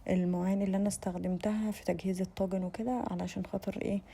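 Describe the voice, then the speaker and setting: Fast-talking Egyptian woman with gravelly fry. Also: medium pitch, little pitch movement, warm tone. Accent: Egyptian Arabic. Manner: chatty, addresses viewers directly, frequent restarts. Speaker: lifestyle vlogger. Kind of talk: casual voice-over narration.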